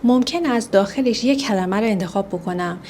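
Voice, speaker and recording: A woman whose first language is Persian, teaching English phrases and repeating each one slowly. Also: medium pitch, darkish tone, a little hiss or hum. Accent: Iranian. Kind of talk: language lesson explaining phrases.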